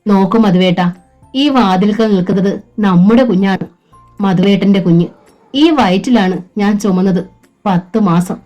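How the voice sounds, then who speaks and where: A woman voicing a gentle young pregnant wife who pleads with her husband. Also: medium pitch, measured pace, long pauses, highs cut off, soft background music, lightly acted. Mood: pleading.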